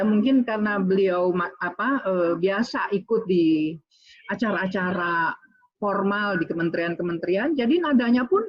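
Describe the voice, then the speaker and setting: A middle-aged woman giving an online lecture on public speaking, talking straight to her listeners, with many fillers and restarts. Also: medium pitch. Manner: many fillers and restarts, addresses audience directly. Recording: slightly dull lo-fi audio.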